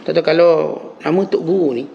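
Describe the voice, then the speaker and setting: A Malaysian man with a Malay accent delivers a mosque lecture as a religious teacher, his voice sitting a touch high and leaping upward on the points he stresses. The recording is muffled and lo-fi, with a faint hiss underneath. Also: fast talker, gravelly. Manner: animated preaching, rising emphatic pitch on key phrases.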